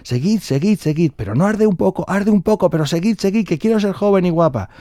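A man's voice: on the low side, racing, mellow, breathy edge, no echo, clean studio sound. A man voicing a desperate, ancient old woman who begs to be made young again, pleading and insistent.

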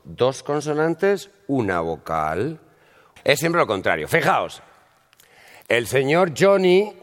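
A man who teaches English pronunciation, giving a jokey, instructive talk to an audience and spelling sounds out. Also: medium pitch. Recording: reverberant hall.

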